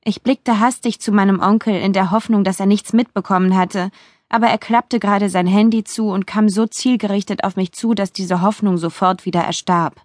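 A woman narrating a romantic fantasy audiobook in the first person, with expressive storytelling. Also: mid-range voice, moderate pace, no echo, clean studio sound. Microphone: studio microphone.

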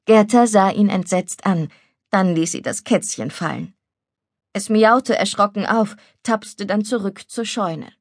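Woman, audiobook narration, calm measured reading, middle pitch, dry studio sound. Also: dry recording. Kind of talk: scripted narration.

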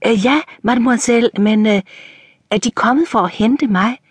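A woman's voice: on the high side, slightly rough, dry recording, pitched above the performer's own voice. A woman voicing an older, hesitant male coachman who stammers in an audiobook reading. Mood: puzzled.

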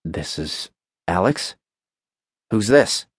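A man's voice: low-pitched, very animated, slow, a little hiss or hum, heavily acted. A male narrator voicing a tired young male reporter with a wry, dry humor.

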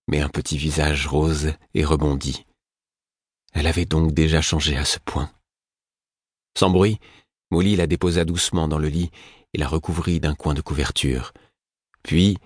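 Very deep-voiced male audiobook narrator. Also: no room sound, studio quality. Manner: measured, even storytelling. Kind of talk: scripted first-person narration.

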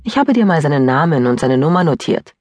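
Audiobook character: woman reading a curious young woman friend, prying and lively, husky and dry. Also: deep voice, a little fast, no echo. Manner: eager, prying questions.

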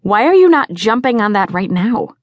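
Woman voicing a high, dramatic teen girl. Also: moderate pace, no room sound. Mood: teasing. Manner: theatrical, excitable, teasing. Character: bubbly dramatic teenage girl, the friend Abby. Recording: dry studio.

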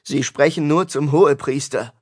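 A man's voice: on the high side, normal speed, a little mellow, lightly acted. A man voicing a frightened male priest who stammers. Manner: stammering, fearful.

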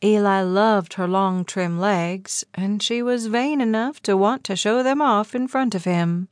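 A woman's voice: mid-range voice, unhurried, no echo. Woman narrating a romance audiobook. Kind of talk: scripted narration. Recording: dry close studio sound.

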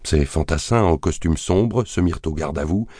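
A man narrating a thriller audiobook in a measured, dramatic reading that colors the quoted lines. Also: low voice, warm tone, husky, no room sound, studio quality. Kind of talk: scripted narration of a thriller novel.

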